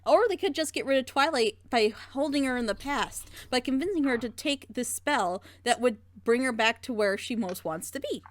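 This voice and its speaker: As part of a reaction show, a woman offers casual, opinionated commentary on an animated series and explains her critique at length. Her voice is high-pitched, at a moderate pace with few pauses.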